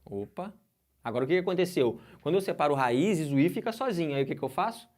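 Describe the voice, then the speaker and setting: A man with a Brazilian Portuguese accent teaching an exam-prep grammar lesson, asking the class questions and drawing out example words slowly. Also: a little high, lively intonation, a little mellow.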